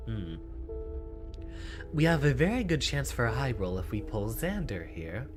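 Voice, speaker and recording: A male streamer commenting casually on his game. His mid-pitched voice swings up and down as he thinks aloud with some boastfulness. Faint music plays underneath. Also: sing-song, a little slow. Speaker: streamer playing a card game.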